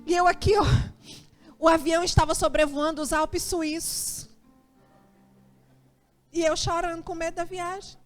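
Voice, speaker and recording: A Brazilian woman pastor with a notably high voice, preaching a sermon as a personal testimony. She tells the story with animation and acts out her own worried prayers. Soft music plays faintly behind her. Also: steady tone, unhurried, pauses often. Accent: Brazilian Portuguese.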